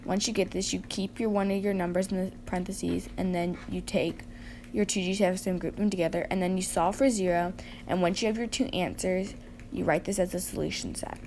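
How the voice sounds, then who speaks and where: A woman's voice: fairly low pitch, fairly even intonation, fairly quick, a little mellow. A woman giving a procedural, repetitive walkthrough of math practice problems as a student presenter. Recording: faint background noise.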